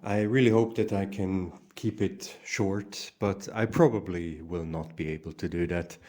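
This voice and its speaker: A man with a lowish, mellow voice talks to camera for his own channel. He rambles and starts over often, with plenty of ums and uhs. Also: steady tone, unhurried. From Hungary. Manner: rambling, many fillers and restarts. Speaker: channel host. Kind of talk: casual monologue vlog.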